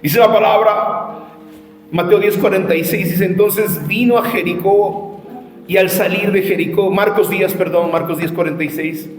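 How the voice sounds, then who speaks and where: A man preaching at an evangelism seminar, passionate, swinging from shouted challenges to quiet storytelling. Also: sits high, fairly even intonation, moderate pace. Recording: echoey hall with faint music.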